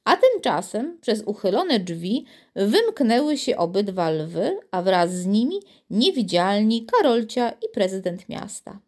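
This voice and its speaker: A woman's voice: mid-range voice, darkish tone. Woman narrating a children's story. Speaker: audiobook narrator.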